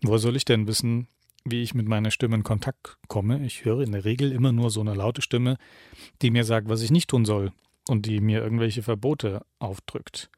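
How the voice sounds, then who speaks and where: A man giving a reflective self-help talk, calmly putting questions straight to the listener. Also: mid-range voice, no room sound, clean studio sound. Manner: calm, addresses the listener directly with questions.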